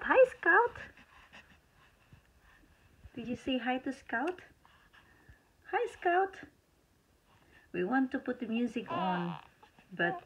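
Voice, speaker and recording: High cooing woman doing baby talk. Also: vocal fry, noisy background. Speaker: vlogger talking to her baby. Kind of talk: home vlog baby talk.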